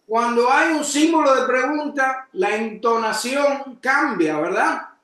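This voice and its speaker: Man, pastor, sermon, high voice, unhurried delivery, questions the congregation, sudden shouts, heavy church echo. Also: animated. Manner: preaching with sudden shouted emphasis. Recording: echoey church hall.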